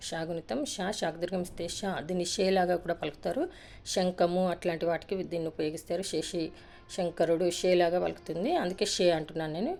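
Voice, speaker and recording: A woman teacher runs through an alphabet drill at a quick clip, in a repetitive sing-song rhythm. Her voice sits fairly low, with a mellow, gravelly edge. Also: steady tone. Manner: rapid sing-song drill recitation with brief asides. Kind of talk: reciting a Telugu alphabet lesson.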